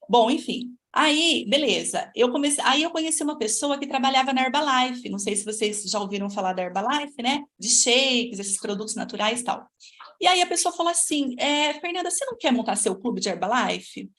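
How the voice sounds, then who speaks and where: A woman in her forties with a Brazilian Portuguese accent, hosting a live stream and telling her life story in a chatty, lively way, talking straight to her viewers. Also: high-pitched, moderate pace. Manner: lively, chatty, speaks straight to viewers and reads their comments. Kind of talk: casual personal storytelling.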